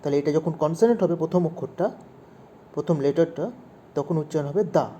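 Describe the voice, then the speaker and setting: A man's voice: fairly high pitch, fairly quick, warm tone, slight background noise. A man teaching English grammar to young pupils, asking questions and repeating the main points. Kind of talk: explaining grammar to children.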